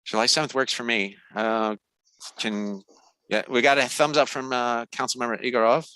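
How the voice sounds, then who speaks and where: A man chairing an online business meeting informally, with halting, hesitant phrasing. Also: mid-range voice, steady tone, bright, forceful tone, clean tone, rough recording.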